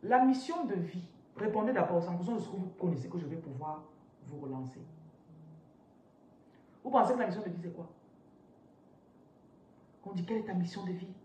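Animated woman coaching a live audience. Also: fairly low pitch, brisk, pauses often. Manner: animated, interactive, reads out viewer comments. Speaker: spiritual business coach. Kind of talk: live stream teaching with viewer questions. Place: indoors, seated on a large ornate chair. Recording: roomy echo, somewhat distant from mic, faint noise.

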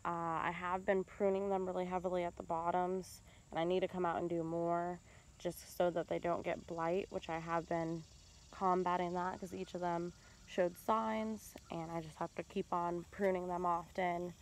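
A woman casually narrating a tour of her outdoor garden while filming on a phone, relaxed and chatty with lots of ums. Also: on the low side, moderate pace, a little hiss or hum. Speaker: home gardener vlogger. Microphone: handheld phone camera.

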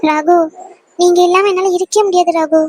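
A woman voicing a gentle young woman who is anxious and guilt-ridden about her coming marriage, speaking softly and apologetically. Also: very high voice, fairly even intonation, normal speed, no room sound. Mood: pleading. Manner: soft, pleading, apologetic. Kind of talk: fan dub of a serial scene.

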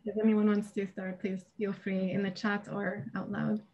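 A woman in her thirties presents her research over a video call from a small home room. She speaks casually with fillers and light laughter, in a mid-pitched voice with a noticeable gravelly fry. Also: flat delivery, normal speed, dark tone, muffled recording. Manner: casual, hesitant, laughs often. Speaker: academic presenter. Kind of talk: conference presentation and Q&A. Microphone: video call webcam.

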